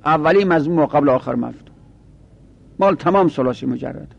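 Male teacher with a slightly high voice, methodical and repetitive. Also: animated, gravelly, slightly rough, highs cut off. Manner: methodical, repeats each rule. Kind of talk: lecturing on Arabic grammar.

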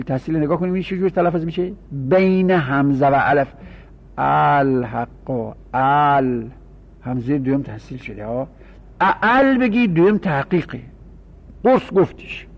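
A man teaching Quran recitation rules in a classroom lecture, explaining and repeating example words with drawn-out and clipped pronunciations. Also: fairly high pitch, dull audio.

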